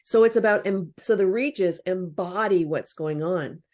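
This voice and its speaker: In a casual interview about relationship books, the female guest explains her advice in a practical, thoughtful manner and acts out example phrases. She speaks at normal speed in a fairly low voice with a darkish tone.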